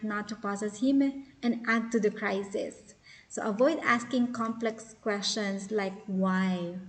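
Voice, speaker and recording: A woman teaching a lesson on spiritual care, explaining step by step with fillers and restarts. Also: mid-range voice. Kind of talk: teaching lecture.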